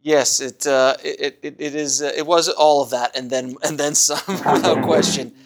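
A man's voice: a little high, steady tone, moderate pace, crowd noise. A man hosting a podcast and talking casually about his book, in an effusive, emphatic way. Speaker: podcast host and author.

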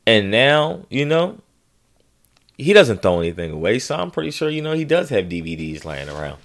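A podcast host with a mid-range voice at normal speed tells a funny story casually. He's animated and laughs as he goes, putting on voices for the quotes.

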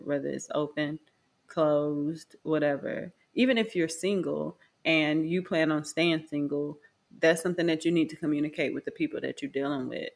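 A young woman with a notably low voice, co-hosting a podcast over a video call. She talks frankly and loosely, dropping fillers and laughing along as she gives advice. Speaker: podcast co-host. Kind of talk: casual podcast chat.

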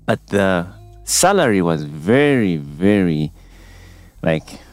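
A man speaks as a doctor and radio guest. His voice is very low, and he explains things in a relaxed way, with the odd "um" as he thinks. Faint music sits in the studio background. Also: takes it slowly, no room sound. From Uganda. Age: 40s. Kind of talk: radio interview.

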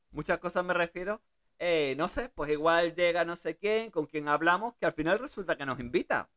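A woman hosting a radio show, chatting casually with a guest and laughing easily. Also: on the low side. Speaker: radio host.

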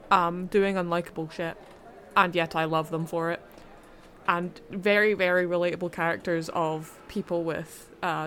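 A woman's voice: on the low side, a bit bright. A woman chats casually about books as a podcast co-host. She is enthusiastic and giggles often, and faint background noise sits behind her voice. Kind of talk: casual book chat.

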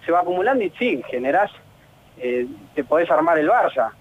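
Argentine footballer, male, halting and frustrated, phone-line sound on radio. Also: fairly high pitch, big pitch swings, slight background noise. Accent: Argentine Spanish. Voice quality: halting, many restarts and fillers. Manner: earnest, frustrated. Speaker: professional footballer. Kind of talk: radio interview.

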